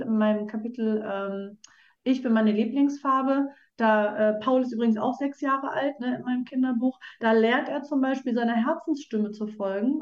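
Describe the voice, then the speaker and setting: A woman talks earnestly as a guest in an interview, explaining her ideas through everyday examples. Her voice sits fairly high and keeps pausing on fillers. The recording sounds roomy and dull, like a lo-fi setup. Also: darkish tone. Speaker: children's book author, guest. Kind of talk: conversational podcast interview.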